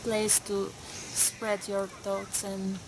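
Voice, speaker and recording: A woman of twenty-two, a student answering interview questions slowly, pausing often on fillers. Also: medium pitch, completely flat delivery. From Bulgaria. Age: 20s. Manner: hesitant, many pauses and fillers. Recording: noisy background.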